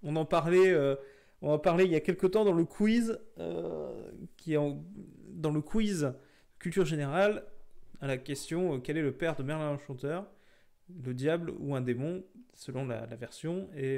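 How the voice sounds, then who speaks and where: A man's voice: fairly high pitch, vocal fry, darkish tone. A man hosting a let's play, giving casual, rambling, jokey commentary and reading game text aloud.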